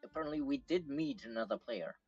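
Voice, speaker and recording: A man's voice: fairly high pitch, huge pitch swings, fast, vocal fry, darkish tone, slightly rough, no room sound, highs cut off. A man co-hosting a live game stream, explaining strategy in a dry, wry way over a remote call mic. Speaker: co-host giving strategy advice. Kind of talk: casual live-stream commentary.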